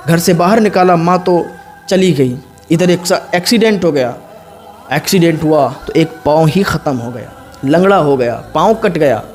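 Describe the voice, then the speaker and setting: Male preacher, fairly high voice, emotional storytelling sermon over soft music. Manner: acts out quoted voices, rising in pitch and force. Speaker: Islamic preacher.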